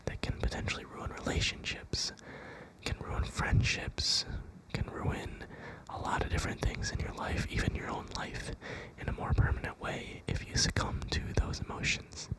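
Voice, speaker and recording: Young adult ASMR creator, fully whispered pep talk, gentle, reassuring and unhurried delivery. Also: poor audio. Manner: whispering throughout.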